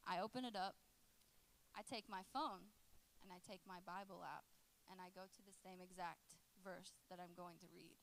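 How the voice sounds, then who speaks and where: A woman's voice: on the low side, normal speed, slight background noise, rough recording. A woman in her late twenties giving a casual, joking talk to a youth group as its youth pastor. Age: 20s. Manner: lively and joking, chatting with teens in the room.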